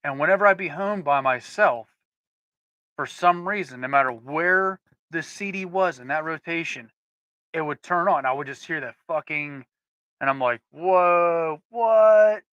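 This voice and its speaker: A man co-hosting a loose podcast chat, winding through his stories with plenty of restarts. His voice is bright and forward. The sound is dry and close. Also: fairly high pitch, moderate pace, no room sound, dull audio. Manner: storytelling, rambling with restarts. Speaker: podcast co-host. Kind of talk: casual chat.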